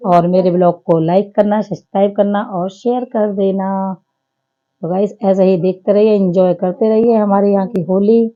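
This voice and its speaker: A woman's voice: mid-range voice, narrow, tinny audio. A woman in her thirties giving a chatty, homely running commentary over her family vlog. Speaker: family vlogger.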